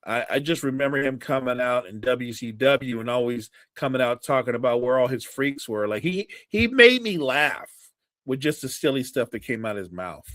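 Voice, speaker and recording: A man co-hosting a podcast in casual chat, talking haltingly with many restarts and fillers. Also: mid-range voice, lively intonation, fairly bright tone, dry recording. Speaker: podcast co-host. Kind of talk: casual chat about wrestling.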